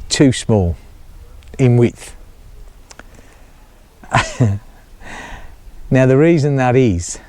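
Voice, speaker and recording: A middle-aged man vlogging about building a chalet chats casually to camera outdoors, rambling and laughing often as he explains his building work. His voice has a medium pitch and a warm tone.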